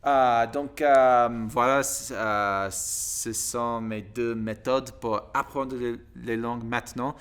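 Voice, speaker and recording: Slow, halting American man speaking broken French. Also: mid-range voice, fairly even intonation, fairly bright tone, smooth. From United States. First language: English. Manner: halting broken French with searching pauses and grammar slips. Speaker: vlogger learning French. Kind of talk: casual monologue to camera in a second language.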